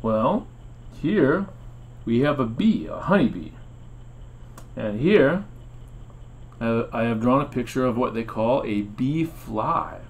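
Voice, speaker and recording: A man hosting an educational explainer about insects, playful and theatrical. He poses dramatic questions, chuckles often and pauses on fillers at a middle pitch. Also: animated. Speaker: host.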